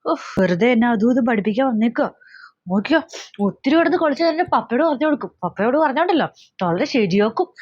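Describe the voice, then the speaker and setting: A woman's voice: fairly high pitch, big pitch swings, fast talker. A woman playing a spoiled young newlywed who keeps threatening to tell her father. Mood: sulky, bratty. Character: pampered young bride, spoiled daddy's girl. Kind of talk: comedy skit acting. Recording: slightly dull lo-fi audio.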